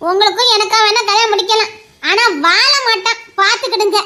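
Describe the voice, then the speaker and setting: A woman's voice: very high voice, fairly even intonation, brisk, pushed and bright. A woman playing a protective middle-aged mother who defends her son and argues with her husband in a pleading, reasoning way. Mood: defensive. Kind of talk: amateur audio drama.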